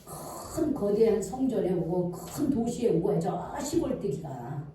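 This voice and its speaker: Echoey, lively woman preaching to a congregation. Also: mid-range voice, unhurried, a little hiss or hum. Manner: asks the congregation questions and answers them. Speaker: pastor. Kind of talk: sermon. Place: church sanctuary. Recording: echoey church hall, voice from far off.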